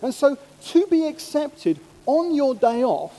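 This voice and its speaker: A man preaching a sermon, humorous and animated, slipping into mimicked voices. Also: extremely high pitch, measured pace. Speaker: pastor. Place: church hall. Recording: long hall reverb.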